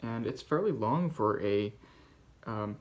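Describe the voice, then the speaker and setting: A man with a Canadian accent hosting a casual book-haul vlog, talking in a halting, rambling way as he goes. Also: fairly low pitch, lively intonation, a little hiss or hum. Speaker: book channel host.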